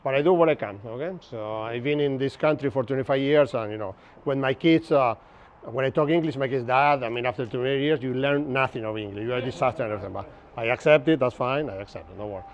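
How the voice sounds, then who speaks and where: A fast-talking man of medium pitch, recorded with the highs cut off, instructs a workshop in an outdoor pavilion with open sides. He is in his fifties, from Argentina, a native Spanish speaker with a Buenos Aires accent. His lecture is chatty and joking, and he often checks in with his audience.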